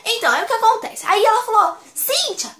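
A young woman from Brazil with a Brazilian Portuguese accent, chatting to camera as a vlogger in a gushing, excitable way, repeating words for emphasis. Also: very high-pitched, quick pace, reverberant. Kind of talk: casual chat to camera.

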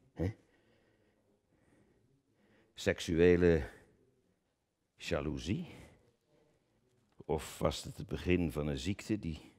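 Husky man in a theatrical stage monologue. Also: a little mellow. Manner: swings from booming declamation to low muttered asides; stammering, repeats words. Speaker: cabaret performer.

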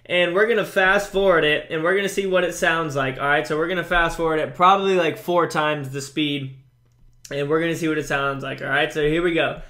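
A man's voice: a little high, fairly even intonation, brisk, bright, forceful tone. A young man giving chatty, upbeat commentary on a mobile game he is playing, with frequent fillers and restarts. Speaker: gaming YouTuber. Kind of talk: casual gameplay commentary.

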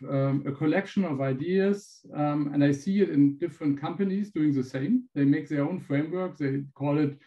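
A man with a German accent asking a question, halting and restarting as he searches for words. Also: a little high, dark tone, muffled recording. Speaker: audience member asking a question.

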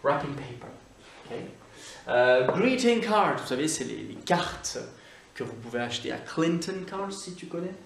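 A man hosting a video English lesson, upbeat, repeating English words slowly to model pronunciation, recorded by the camera from a few feet away indoors. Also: mid-range voice, expressive, gravelly. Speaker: English teacher and channel host. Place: indoor room, moving in and out of camera frame. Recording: echoey room, voice from a distance, faint background noise.

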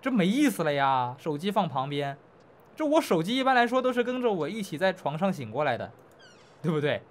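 Young male gaming creator, high and animated, chatty horror playthrough with bravado for the audience. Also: fairly quick. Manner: joking, talks to viewers, claims not to be scared, yelps at scares. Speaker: gaming YouTuber. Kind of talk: horror game commentary. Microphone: headphones on, desk mic.

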